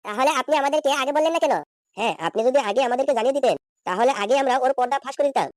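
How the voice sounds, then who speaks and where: In a comedy cartoon, a man voices an exasperated, nagging husband who insistently and reproachfully questions his wife. His voice is very high-pitched and racing, recorded cleanly in a studio with no room sound.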